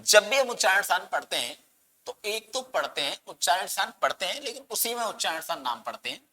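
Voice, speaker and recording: A man's voice: sits high, sing-song, fast talker, sharp tone, long reverb tail. A man teaching a grammar lesson, asking the class questions and answering them himself, and coaxing students to say sounds aloud.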